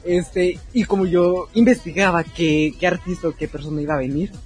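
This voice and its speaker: A man, a guest on a podcast, telling stories in a relaxed way full of fillers and chuckles. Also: high voice, moderate pace, faint music behind. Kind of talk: casual storytelling chat.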